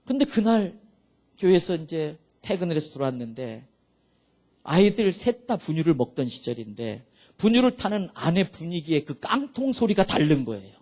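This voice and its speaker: A middle-aged man, a pastor, telling a personal story in an emotional sermon, swinging between soft and loud. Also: fairly high pitch, sing-song, moderate pace.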